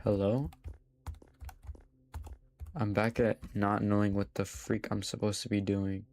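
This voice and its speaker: A young adult male streamer chats casually with his chat while playing a game live, swearing now and then. His lowish, slightly mellow voice holds a level tone at a slightly slow pace, with slight background noise.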